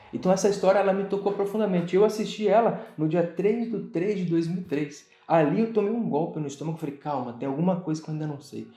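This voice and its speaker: A Brazilian man who is a guest on an interview, telling a motivational story in an animated, dramatic way and acting out other people's lines. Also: a little high. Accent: Brazilian Portuguese. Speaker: interview guest, business owner. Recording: echoey room with faint music.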